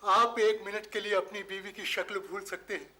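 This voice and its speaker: An actor playing a tearful, lovesick neighbour in a sitcom, pleading in a whiny voice. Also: male voice, high voice, flat delivery, moderate pace, sharp tone. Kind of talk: sitcom acting.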